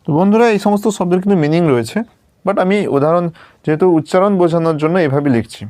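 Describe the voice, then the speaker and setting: Speaking fast in a fairly high, darkish voice, a man walks his students through English pronunciation step by step at a writing board, patiently spelling out sounds and checking they follow. No echo is present.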